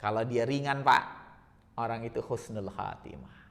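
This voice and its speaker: A man's voice: mid-range voice, normal speed, creaky, fairly bright tone, long reverb tail. A man giving a religious lecture, telling vivid stories and constantly addressing his listeners as sir. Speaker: religious teacher.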